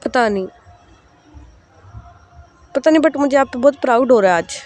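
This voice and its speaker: A woman voicing an emotional young woman who says she is proud of her partner, halting and repeating herself. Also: high-pitched, lively intonation, a little mellow, faint music behind. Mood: tearful, loving.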